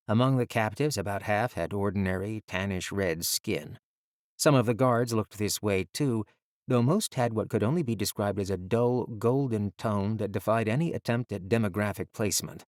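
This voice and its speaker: Man, audiobook narrator, lowish voice, dry close recording, measured even storytelling. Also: dry recording. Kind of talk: scripted fantasy audiobook narration.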